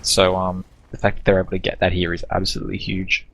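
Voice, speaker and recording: A man with a deep, gravelly, fairly bright voice casts an online team shooter match as an esports caster. He speaks in a quick monotone, breaking down plays analytically but in a stop-start way, stumbling and restarting as he goes.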